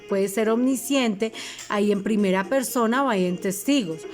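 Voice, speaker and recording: A woman teacher, giving a recorded lesson to fifth graders and patiently spelling out each instruction. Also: mid-range voice. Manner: patient, reminding, spells things out for children.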